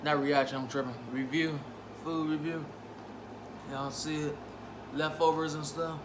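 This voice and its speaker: A man's voice: on the high side, little pitch movement, unhurried. A man talking casually and informally as he reviews food, eating and savoring as he goes. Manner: informal, savoring with frequent appreciative mm sounds. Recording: roomy, echoey, clearly noisy home recording.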